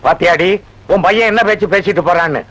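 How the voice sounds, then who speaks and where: An actor playing a loud, theatrical village father in a comedy film, exclaiming and scolding his son. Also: sits high, quick pace, low-quality recording. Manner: loud, exclaiming, sing-song praise. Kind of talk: Tamil film comedy acting.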